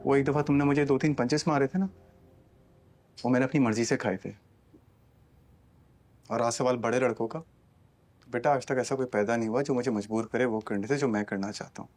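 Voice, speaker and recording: An actor playing a cocky young husband. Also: male voice, medium pitch, steady tone, a little fast, pauses often, a little mellow, soft background music, close to an everyday voice. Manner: cocky and teasing. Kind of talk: TV drama acting.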